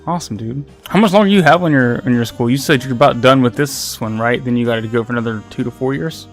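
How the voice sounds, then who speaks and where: A man's voice: mid-range voice, quick pace, faint music behind. A man streaming a game, chatting casually with viewers and restarting his sentences a lot. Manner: rambling, with frequent restarts and repeated words. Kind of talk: casual livestream gaming chat.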